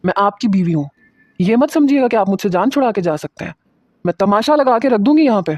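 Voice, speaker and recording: A man doing a furious sharp-tongued young bride. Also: high voice, lively intonation, no echo, dull audio. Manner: scolding, threatening.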